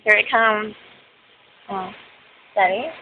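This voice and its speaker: A woman's voice: mid-range voice, takes it slowly. A young woman chatting casually and playfully, exclaiming often, filming inside a car at a car wash on a tinny camera with faint noise behind. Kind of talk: casual chat while filming. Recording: tinny lo-fi camcorder audio with noise.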